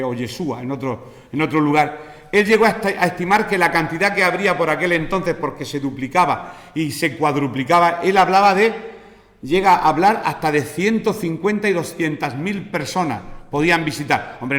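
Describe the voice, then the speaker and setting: Animated Spanish preacher in an echoey church. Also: male voice, a little high. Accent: Spanish from Spain. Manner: animated, teaching, acts out pleas with raised voice. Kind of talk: sermon.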